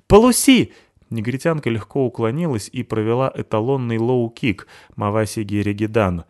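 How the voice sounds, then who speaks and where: Male audiobook narrator, lowish voice, dry and wry. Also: normal speed, a little mellow. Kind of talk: first-person audiobook narration.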